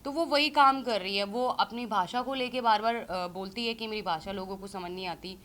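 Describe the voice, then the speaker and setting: A woman in her thirties, an interview guest, giving critical views in a measured, hesitant way. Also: mid-range voice, fairly bright tone. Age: 30s. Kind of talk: casual interview talk.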